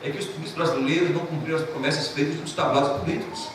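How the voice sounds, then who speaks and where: A man's voice: fairly high pitch, very fast. A male pastor preaching a sermon, passionate and emotional as he tells a story. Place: church sanctuary. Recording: echoey church from a distant mic, noisy.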